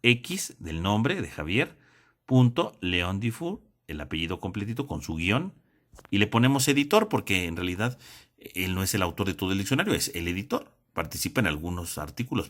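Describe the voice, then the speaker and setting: A man's voice: low voice, very animated, normal speed, a bit bright. A man teaching a theology lesson, explaining step by step and checking in with tag questions. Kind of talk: classroom lesson.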